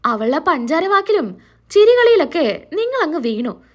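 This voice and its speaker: A woman's voice: extremely high pitch, very animated, moderate pace. A woman reading as a sarcastic spiteful young wife. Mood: taunting. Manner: sarcastic, taunting. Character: sharp-tongued young wife, taunting and spiteful.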